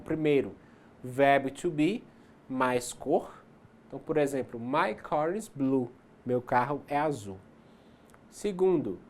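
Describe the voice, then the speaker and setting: Slow, patient Brazilian male teacher. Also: fairly high pitch, darkish tone. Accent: Brazilian Portuguese. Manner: explains slowly, repeats each English word, checks in with "ok?". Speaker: English teacher. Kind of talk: recorded distance-learning lesson.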